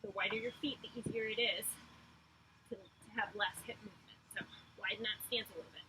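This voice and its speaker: Woman workout coach: bright, energetic delivery, brisk counts and clipped form cues given mid-exercise, slight noise behind. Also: medium pitch, rough recording. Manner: brisk, encouraging instruction in clipped commands. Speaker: fitness instructor leading a workout.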